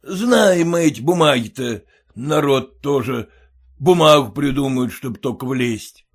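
A man voicing a fussy, loud middle-aged merchant who shouts and then fawns. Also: mid-range voice, animated, unhurried, breathy edge. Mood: blustering. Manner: shouting, blustering, fawning.

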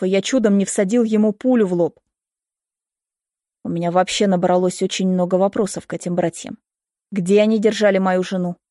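A woman's voice: medium pitch, a little mellow, dry recording, studio quality. Woman reading a dramatic audiobook. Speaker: audiobook reader. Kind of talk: scripted first-person narration.

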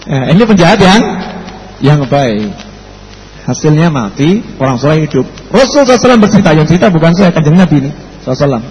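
Javanese preacher man telling a story, high bright voice, echoey hall with faint noise. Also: rapid-fire. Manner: lively, switches into local dialect. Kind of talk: sermon storytelling.

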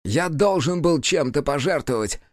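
A man's voice: on the high side, lively intonation, moderate pace, dry recording, studio quality, voice pushed up, natural voice. A man voicing a vengeful, anguished male demon in an audiobook, shrieking and wailing on the edge of tears. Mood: frenzied. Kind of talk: audiobook character voice.

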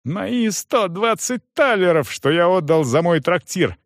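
A man's voice: animated, a little slow, no room sound, clean studio sound. A man voicing a hot-headed young man who shrieks and rages in an audiobook. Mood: shrieking rage. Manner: shrill, screaming, outraged.

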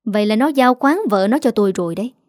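A woman's voice: mid-range voice, fast talker, a little mellow, no room sound, studio quality, natural voice. Woman doing a bossy, dismissive mother-in-law. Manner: curt, scolding.

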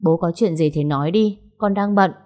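A woman's voice: lowish voice, normal speed, a little mellow, lightly acted. A woman reading a story aloud, voicing a spoiled woman near thirty who talks back resentfully to her father.

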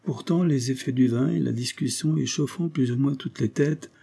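A man narrating a historical story as an audiobook in a measured, literary reading. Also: medium pitch, gravelly, warm tone.

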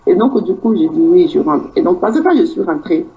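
Cameroonian woman, dark muffled voice. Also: lowish voice, lively intonation, a little fast. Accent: Cameroonian French. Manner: rambling storytelling, acts out quoted dialogue. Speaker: guest. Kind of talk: personal testimony in conversation.

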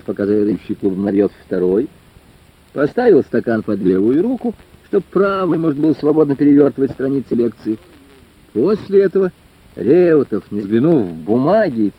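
Husky expressive male audiobook narrator. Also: medium pitch. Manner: expressive, ironic storytelling. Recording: dull lo-fi recording.

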